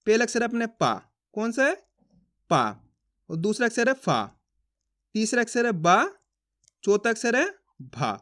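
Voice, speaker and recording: High bright-voiced teacher man. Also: sing-song. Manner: repeats questions and answers them himself; sounds out syllables slowly. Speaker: Hindi teacher. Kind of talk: online reading lesson.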